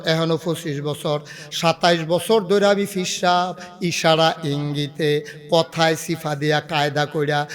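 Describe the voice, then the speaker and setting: A middle-aged man with a Bangladeshi regional Bengali accent, preaching a waz sermon as a pir with impassioned delivery that swells to loud cries. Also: on the high side.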